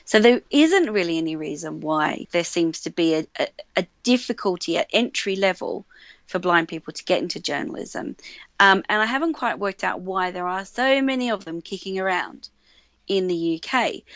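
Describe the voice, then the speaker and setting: A woman with an Australian accent, a radio producer talking casually in an interview, animated and full of fillers and restarts. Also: mid-range voice, dry recording. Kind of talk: conversational interview. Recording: dull lo-fi sound, dry.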